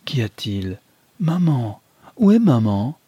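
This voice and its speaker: A man's voice: medium pitch, very animated, slow pace, mellow, breathy edge, dry recording, exaggerated voice. A man reading aloud voices a frightened young bride, raising his voice into an anxious, pleading tone.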